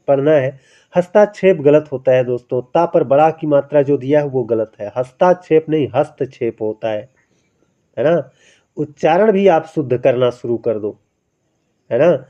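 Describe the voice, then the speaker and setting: A man with a fairly high voice runs an exam-prep lesson on Hindi spelling. He talks in a coaxing, repetitive way and keeps checking in with tag questions. The sound is dull and lo-fi. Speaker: Hindi grammar teacher.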